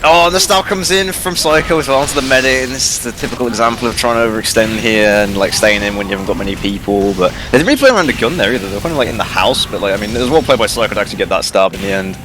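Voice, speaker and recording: A man commentating a match live as an excitable, exclamatory esports caster. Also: on the low side, racing, few pauses, music in the background.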